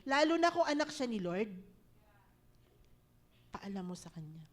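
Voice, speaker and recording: A woman pastor with a Filipino accent, preaching an animated, laughing sermon that mixes English into her talk. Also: fairly high pitch, unhurried.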